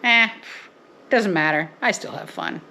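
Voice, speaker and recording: A woman's voice: fairly low pitch, measured pace, gravelly, sharp tone, a little hiss or hum. Casual home-cook woman, giggly and talkative, faint kitchen ambience. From Canada. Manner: chatty, giggly, talks to viewers while working. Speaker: homestead vlogger. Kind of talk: casual cooking vlog.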